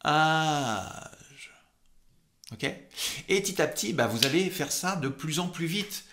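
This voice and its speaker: A man's voice: fairly high pitch, animated, normal speed, a bit bright. A man giving an informal vocal technique lesson as a singing coach, conversational and instructional, drawing out key words for emphasis.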